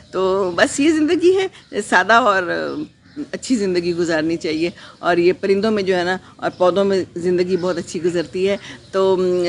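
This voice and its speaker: Streaming live and informally from her garden, a mid-range-voiced woman reads out comments from viewers in a gentle, reflective, unhurried way, pausing often. She mixes in English phrases and sprinkles prayers, blessings and wishes, with a little hiss or hum audible.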